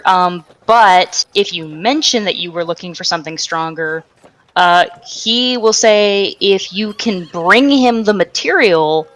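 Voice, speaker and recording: A young woman narrating as game master for a tabletop game over voice chat, halting, with many fillers and restarts. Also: medium pitch, fairly bright tone, poor audio.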